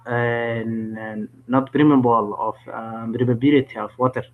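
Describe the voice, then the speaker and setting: A man from Somalia asking a question in a webinar, halting and searching for words. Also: medium pitch, level tone, a little hiss or hum. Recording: tinny phone-like call audio.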